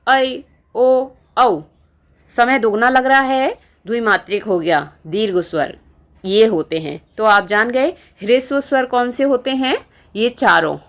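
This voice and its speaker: Slow, patient Hindi grammar teacher, woman. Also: on the high side. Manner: slow, repetitive explaining with frequent rhetorical questions. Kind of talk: classroom grammar lesson.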